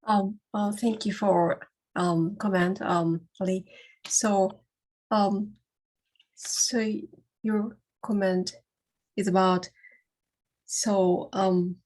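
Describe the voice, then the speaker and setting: Woman presenter talking super slow, halting, tons of uh and um between words. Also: mid-range voice, fairly even intonation, a little mellow, poor audio. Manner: very halting, long pauses and fillers. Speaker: panel presenter. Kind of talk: academic panel discussion.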